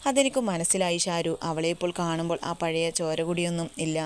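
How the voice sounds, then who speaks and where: A woman voicing a young man who speaks in a calm, earnest way. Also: fairly high pitch, fairly quick, clean tone, lightly acted.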